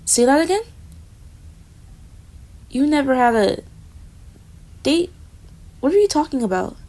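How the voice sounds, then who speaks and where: In a romantic audio roleplay, a young woman plays a flustered, jealous roommate who speaks straight to the listener. Her voice sits high, sing-song and unhurried, often trailing off into soft murmurs.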